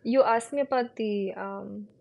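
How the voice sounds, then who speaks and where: This young woman from India, a physical therapist, has a gravelly, medium-pitched voice and a measured pace. She handles interview questions in an easy, chatty manner, often hedging with "like" and "you know."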